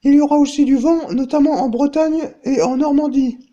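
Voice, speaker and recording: A woman's voice: high voice, moderate pace, dark tone, lo-fi sound, lightly acted. A woman playing an offhand, matter-of-fact TV weather presenter in a parody bulletin.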